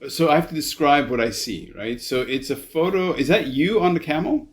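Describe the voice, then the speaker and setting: A man hosting a podcast in casual chat, halting and repeating words as he thinks. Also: a little high, lively intonation. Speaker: podcast host.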